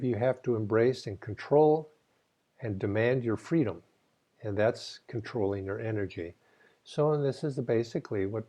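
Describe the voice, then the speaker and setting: Thoughtful man giving a spiritual talk. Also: mid-range voice. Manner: thoughtful, meandering, gently earnest. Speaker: spiritual teacher. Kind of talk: weekly online spiritual talk.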